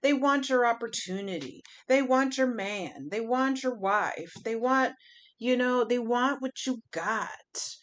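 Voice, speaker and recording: A woman's voice: fairly high pitch, slow pace. A woman giving a chatty pick-a-pile tarot reading, emphatic and fond of repeating her phrases. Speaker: tarot reader.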